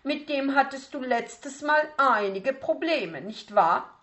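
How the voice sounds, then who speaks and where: A woman's voice: high voice, expressive, takes it slowly, fairly bright tone, voice pushed up, exaggerated voice. A woman voicing a strict older female piano teacher, cool and clipped. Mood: stern.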